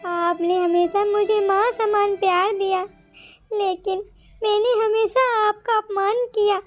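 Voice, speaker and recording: A woman voicing a sharp-tongued young daughter-in-law in a cartoon, scolding and snappy. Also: extremely high pitch, fairly even intonation, a little slow. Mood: remorseful. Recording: slightly dull, music behind.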